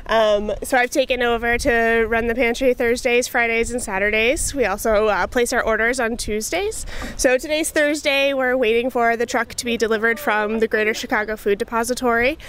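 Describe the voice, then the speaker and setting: A woman's voice: on the high side, fairly even intonation, moderate pace, a bit bright, a little hiss or hum. A woman in her thirties who coordinates a food pantry, explaining the weekly routine in a casual, practical way with frequent ums. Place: outdoors beside a brick church, later inside a pantry room. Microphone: handheld lapel mic held up to the mouth.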